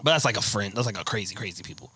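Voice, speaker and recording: A man's voice: lowish voice, animated, rapid-fire, pushed and bright, husky, no room sound. A man co-hosting a casual podcast chat, lecturing at length with hesitant restarts. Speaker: podcast co-host.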